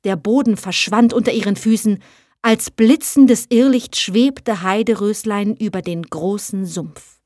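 A woman, an audiobook reader, narrating a fairy tale in a measured, expressive reading. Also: medium pitch, no room sound, clean studio sound. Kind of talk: storybook narration.

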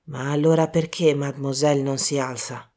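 A woman voicing a calm, grave older male detective in an audiobook reading, speaking slowly and quietly. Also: a bass voice, pitched below the performer's own voice. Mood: grave, measured. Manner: slow, hushed and measured.

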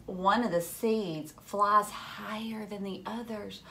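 A woman in her thirties reading a storybook aloud to young children like a teacher, expressively, with questions and little asides. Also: mid-range voice. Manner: expressive, drawn-out storybook delivery. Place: furnished living room at home, indoors.

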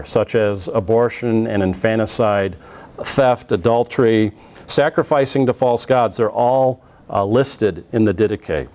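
A middle-aged man teaches a class in a relaxed, conversational way. He often pauses with "uh" and restarts phrases as he explains. He is recorded close up on a lapel mic in a classroom. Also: on the low side. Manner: conversational, with frequent "uh" fillers and restarts. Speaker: lecturer. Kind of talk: classroom lecture. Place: classroom in front of a projected slide.

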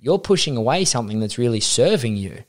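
Australian man telling lively stories. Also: mid-range voice, fast talker. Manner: animated storyteller acting out quotes. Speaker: podcast guest, identity coach. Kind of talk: casual interview chat.

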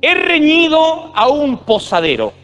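A woman's voice: high voice, sing-song, a little slow, a bit bright, faint music behind, voice pushed up, full character voice. A man voicing a strict old-school female schoolteacher who declaims her lessons stiffly. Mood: declaiming.

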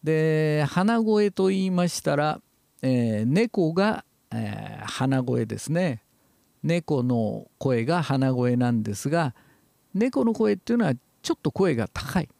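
A man lecturing on voice training in a slightly high, gravelly voice that moves a lot in pitch. He explains calmly and step by step, pausing on fillers as he goes. The sound is close and dry. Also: dry recording. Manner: calm, measured explaining with many hesitation fillers.

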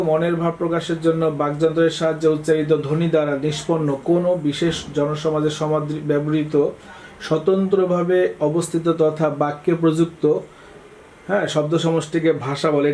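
A man teaching an exam-prep lesson, reading out quiz questions and answering each one briskly, often prompting students to look. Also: a little high, a little mellow, a little hiss or hum, low-quality recording.

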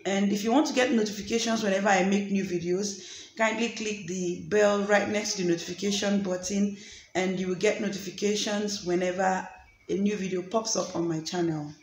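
A woman's voice: mid-range voice, fairly even intonation, fairly quick. A woman hosting her own channel, talking casually with many fillers and restarts. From Nigeria. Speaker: vlogger and host. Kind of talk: casual chat. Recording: echoey room with faint noise.

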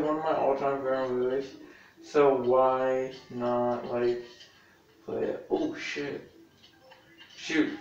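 A man's voice: medium pitch, lo-fi sound. A man giving casual commentary while playing a board game on screen, chatty, singing along and swearing freely. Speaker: gaming video creator. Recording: very echoey, from far off the mic, loud music behind.

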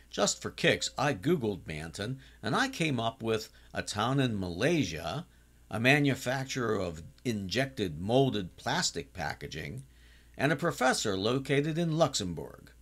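An older man talks through a TV episode in a relaxed, chatty recap, and his mid-range voice rises and falls a lot. He now and then bursts into animated exclamations, and the whole thing sounds casual and personal rather than scripted. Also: mid-range voice, measured pace. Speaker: TV series reviewer.

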